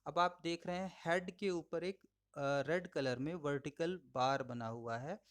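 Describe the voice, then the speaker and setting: Patient male lecturer, a bit high-pitched. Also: measured pace. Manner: explains patiently, addresses listeners as friends. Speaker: English teacher. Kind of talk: recorded audio lecture.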